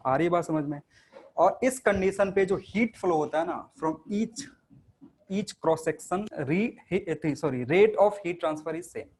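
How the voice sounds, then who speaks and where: A man's voice: on the high side, darkish tone. A male teacher giving a classroom lecture to students. He asks questions and answers them himself, and he mixes English technical terms into his Hindi.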